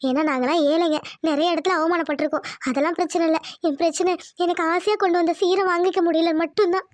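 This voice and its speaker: A woman's voice: extremely high pitch, fairly even intonation, fast talker. A woman voicing a meek young village wife who pleads politely and tearfully with her husband.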